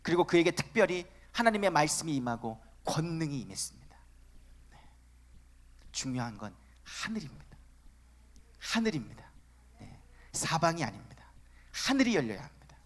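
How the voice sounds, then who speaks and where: High, lively-voiced male preacher. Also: normal speed, pauses often. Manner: emphatic, asks the listeners rhetorical questions. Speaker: youth preacher. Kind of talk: sermon.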